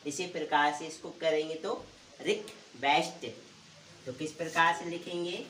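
A male teacher giving a pronunciation lesson, asking questions and answering them himself and repeating words slowly. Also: a little high, a bit bright, recorded from a distance, slight background noise. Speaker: English teacher. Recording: roomy echo, voice from off the mic.

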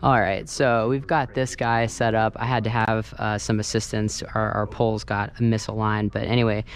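A lowish, flat-sounding male voice at normal speed gives a casual, hands-on tutorial as a sound engineer, talking informally as he goes. Clearly audible room noise fills the large carpeted banquet hall with a wooden dance floor where he works.

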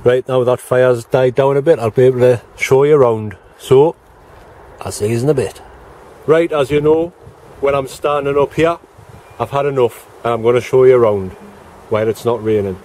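A man's voice: mid-range voice, moderate pace, darkish tone. A middle-aged man, chatting casually to viewers as he films his allotment garden outdoors on a handheld camera. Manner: chatty, plain-spoken, talks to viewers as he walks round. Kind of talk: casual walk-and-talk vlog. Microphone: handheld camera, self-filmed.

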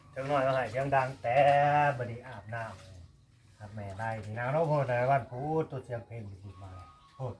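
A vlogger with an Isan Thai accent films his family life at their home in a rural village, speaking in a medium-pitched voice a little fast. He keeps up a casual running commentary, repeatedly calling his viewers brothers and sisters.

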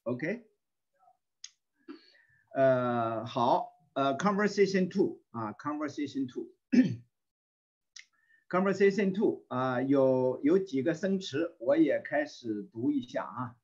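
In an online volunteer English class, the male teacher slowly reads and repeats phrases, with many fillers and bouts of throat clearing. He speaks in an expressive, darkish mid-range voice, and the highs are cut off.

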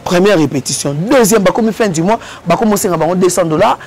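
A man's voice: sits high, fast, slight background noise. A man animatedly telling a story as a guest in a casual interview. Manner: lively, switches between Lingala and French.

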